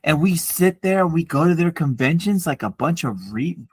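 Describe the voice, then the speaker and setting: Profane ranting man, lively pitch. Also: normal speed, breathy edge. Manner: profane, ranting, animated storytelling. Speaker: podcast co-host. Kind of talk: casual chat.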